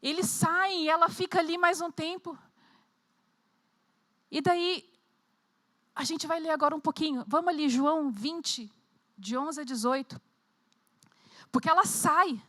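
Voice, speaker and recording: A Brazilian woman preaching at a conference, her voice high and bright. She tells the story dramatically and acts out each scene as she speaks. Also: measured pace, pauses often. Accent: Brazilian Portuguese. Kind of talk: sermon. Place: conference hall.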